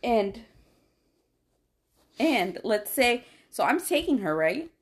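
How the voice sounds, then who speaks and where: A woman co-hosting a casual podcast chat with her partner, talking in an animated way and laughing between remarks. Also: on the high side, slow pace. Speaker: podcast co-host.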